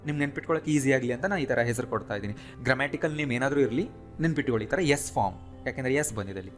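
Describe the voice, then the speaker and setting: A man giving a spoken English lesson, explaining step by step, checking in with "right?" and drilling word lists slowly and clearly. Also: mid-range voice, faint music behind. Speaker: English teacher.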